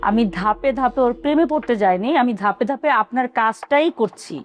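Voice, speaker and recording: A woman's voice: on the high side, animated, a little fast, natural voice. An actress playing a young woman secretly running a scheme, answering her boss defensively. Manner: defensive, earnest. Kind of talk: TV drama acting.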